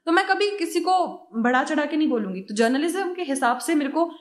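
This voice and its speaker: Woman, young adult, high voice, emphatic and defiant, interview guest. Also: animated, brisk, echoey room. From Kashmir. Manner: emphatic, defiant, often laughing. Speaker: guest, journalist and influencer. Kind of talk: casual interview talk.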